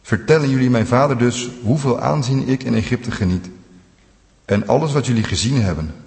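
A man's voice: mid-range voice, normal speed, gravelly, darkish tone, natural voice. A man reading aloud as an emotional male ruler speaking urgently to his brothers, in a long church reverb. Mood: heartfelt.

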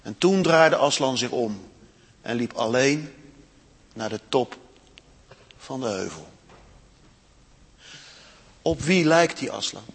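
Expressive, husky man reading to children. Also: mid-range voice, long reverb tail. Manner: expressive, slows for dramatic pauses. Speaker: church children's storyteller. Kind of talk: reading a story aloud to children. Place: church.

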